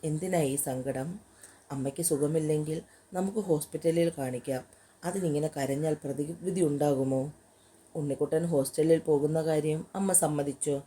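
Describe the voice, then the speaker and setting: A woman narrator voicing a young man who speaks softly and comfortingly in an audio story. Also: deep voice, steady tone, moderate pace, a little hiss or hum, close to an everyday voice. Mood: gentle concern. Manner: soft, comforting. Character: young man, gentle and caring.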